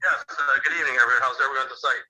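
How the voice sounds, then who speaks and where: Older guy calling in, phone held up to a speaker so it's re-recorded, super bright tinny sound, stops and restarts a lot. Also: medium pitch, steady tone. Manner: earnest, halting, frequent restarts and fillers. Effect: phone call replayed through a loudspeaker into another mic. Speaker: neighboring property owner giving public comment. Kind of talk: public comment at an online committee hearing.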